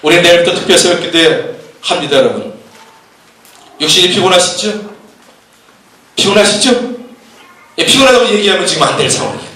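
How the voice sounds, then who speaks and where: A man's voice: high-pitched, lively intonation, fairly quick, long pauses, bright, forceful tone. A male pastor preaching a sermon, emphatic and full of rhetorical questions to the congregation. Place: church sanctuary. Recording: echoey church hall from far off.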